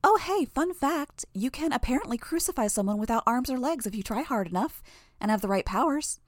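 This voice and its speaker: Woman putting on a high rousing mob voice. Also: lively intonation, fairly quick, no room sound, clean studio sound. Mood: flippant. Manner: raised, rousing, sarcastic.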